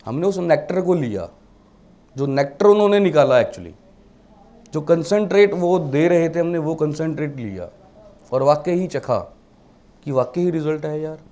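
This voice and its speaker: Man teaching a class in a dark voice. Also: on the high side, animated, moderate pace, pauses often. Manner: mixes English terms into Hindi, rhetorical questions. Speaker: vastu teacher. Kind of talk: classroom lecture.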